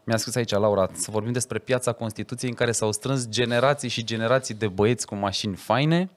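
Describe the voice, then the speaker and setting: A man hosting a podcast, asking thoughtful, slightly hesitant questions. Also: mid-range voice. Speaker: podcast host. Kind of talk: casual podcast interview.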